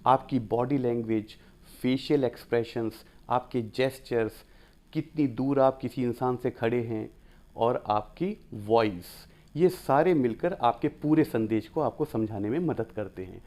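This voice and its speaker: A man's voice: mid-range voice, measured pace, a little mellow. A man teaching a lecture, explaining points one at a time and acting out short example phrases to show how tone changes meaning. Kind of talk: classroom lecture.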